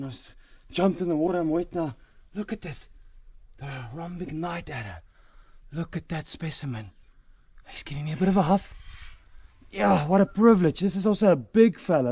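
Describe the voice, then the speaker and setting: Husky, awed male wildlife presenter. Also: high-pitched, warm tone, far from the mic. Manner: awed, repeats exclamations of wonder. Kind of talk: outdoor wildlife vlog commentary to camera. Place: outdoors at night in a forest by water.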